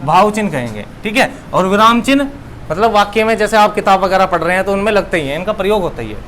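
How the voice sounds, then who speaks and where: High-voiced man teaching a lesson. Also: lively intonation, quick pace, fairly bright tone, slight background noise. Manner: repeats key words, asks and answers his own questions. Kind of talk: classroom lesson.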